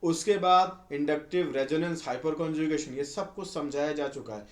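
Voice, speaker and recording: A man's voice: fairly high pitch, moderate pace. A male chemistry teacher giving a conversational exam-prep lecture, often asking students rhetorical questions. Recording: echoey room.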